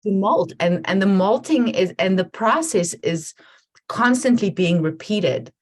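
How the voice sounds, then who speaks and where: A woman hosting a casual conversation over a video call, talking in a reflective, halting way with many restarts. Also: medium pitch, expressive. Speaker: podcast host.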